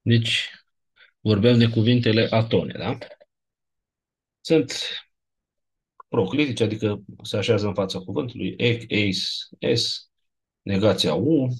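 A man's voice: lowish voice, pauses often, breathy edge. A man teaching a lecture class, explaining grammar step by step and checking in with his students.

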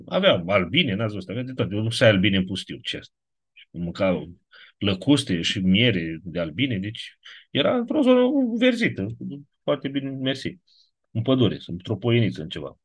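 Low husky man teaching online. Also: wildly swooping pitch, no echo. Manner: explanatory, keeps checking with "da?" and "nu?". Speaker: teacher of biblical Greek. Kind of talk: online lecture.

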